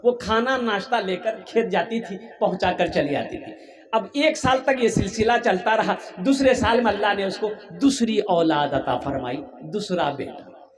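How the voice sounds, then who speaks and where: Man, preacher, high-pitched, animated storytelling sermon. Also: normal speed, crowd noise. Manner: animated storytelling, acts out voices of characters.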